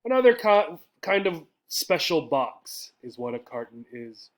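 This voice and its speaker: Speaking at a measured pace in a slightly high, sing-song voice, an American English teacher explains vocabulary to learners. He repeats key words and checks in often, in a didactic style.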